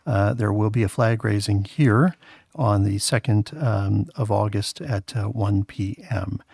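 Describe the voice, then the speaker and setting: Gravelly man chairing a council meeting. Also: lowish voice, a little mellow, dry recording. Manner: halting, many filler sounds.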